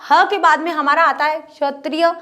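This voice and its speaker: A woman teacher who explains step by step, repeats letters slowly and asks her pupils questions. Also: high voice, steady tone, pushed and bright. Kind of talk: online class lesson.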